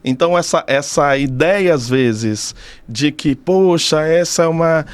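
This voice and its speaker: A podcast guest in his thirties, a doctoral student in communication, speaks with a Brazilian Portuguese accent in a fairly high, unhurried voice with a clean tone. He's casual and reflective, thoughtfully repeating phrases for emphasis. There's no room sound.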